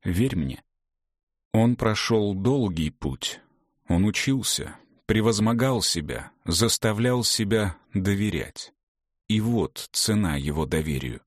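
A man narrates a fantasy audiobook with a fairly low voice, measured and dramatic. The sound is dry and close, with no room around it. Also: expressive, no room sound. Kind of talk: scripted narration.

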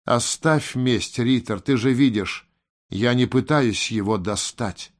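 A man voicing a weary male water mage who speaks slowly and gravely. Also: mid-range voice, natural voice.

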